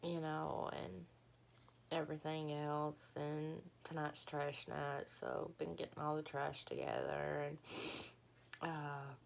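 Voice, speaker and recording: Tired lady vlogging, kinda low croaky voice, slow rambly chat. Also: little pitch movement, a little hiss or hum. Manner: rambling, hesitant. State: tired, unwell. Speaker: mukbang vlogger. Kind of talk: casual chat to viewers. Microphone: phone camera.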